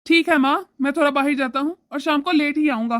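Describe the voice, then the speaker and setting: A woman voicing a young husband in an animated family story, lecturing his wife and doting on his mother. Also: sits high, fast talker, dry recording, studio quality, natural voice. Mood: agreeable. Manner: scolding, lecturing. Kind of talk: animated moral story voice acting.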